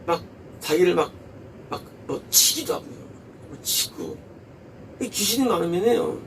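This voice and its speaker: A man's voice: high-pitched, creaky, distant mic, slight background noise. A male pastor preaching a sermon in an emphatic way, posing rhetorical questions and repeating words for stress. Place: church.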